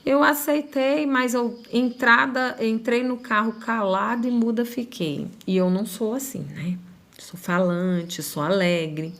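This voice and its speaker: A woman's voice: on the high side, a little slow, a bit bright. Woman giving a chatty faith testimony. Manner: conversational, often adding tag questions like "né?" and "sabe?".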